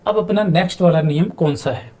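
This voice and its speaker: A male English teacher gives a spoken grammar lesson at a board in a mellow, slightly high voice. He explains slowly, spells words letter by letter, and asks his own questions before answering them.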